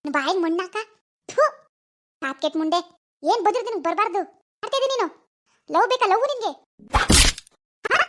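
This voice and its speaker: A woman voicing a furious village mother who scolds her teenage daughter in rapid, shrill bursts full of insults. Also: lively intonation, fairly bright tone. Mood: angry scolding.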